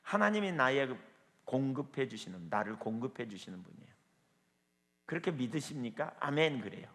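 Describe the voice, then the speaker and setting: A man's voice: mid-range voice, sing-song, moderate pace, a bit bright, big-room sound. A man preaching a sermon as pastor at a small evening prayer meeting, emphatic and firing rhetorical questions at the listeners.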